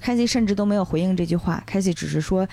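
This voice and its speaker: A woman podcast host in casual chat, retelling a film plot with animated storytelling and briefly acting out the characters' lines. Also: medium pitch, fast talker.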